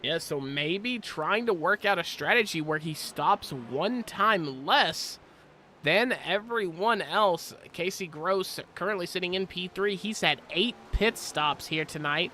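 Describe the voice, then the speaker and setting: Bright, high-voiced male race caller. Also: animated, measured pace, slight background noise. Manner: apologetic, corrects himself on air. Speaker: sim racing play-by-play commentator. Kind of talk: live race commentary. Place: home, helicopters overhead.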